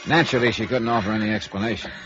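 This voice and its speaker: An actor in 1950s radio noir plays a wry, probing middle-aged American insurance investigator, talking and narrating conversationally. His fairly low male voice is very fast and lightly acted. The vintage radio recording sounds dull, with music behind it.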